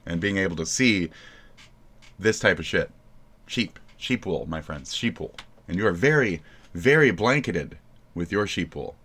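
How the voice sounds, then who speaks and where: A man on a live stream rants at his chat, swearing and mocking, his low voice swinging widely in pitch. The tone is bright and forceful, and he bursts into shouting again and again. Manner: profane, mocking, rapid shifts into loud shouting. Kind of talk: ranting live-stream commentary.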